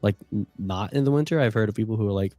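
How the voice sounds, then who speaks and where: A man's voice: fairly low pitch, very fast, warm tone, no room sound, faint music behind. A man hosting a tabletop game show, chatting casually and rambling with lots of fillers and restarts. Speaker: host.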